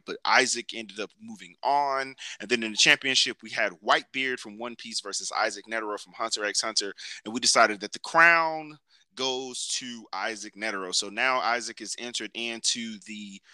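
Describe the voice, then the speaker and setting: Bright-voiced man hosting a casual show. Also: on the low side, no echo. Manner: slangy, rambling, full of restarts. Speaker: podcast host. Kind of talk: casual chat.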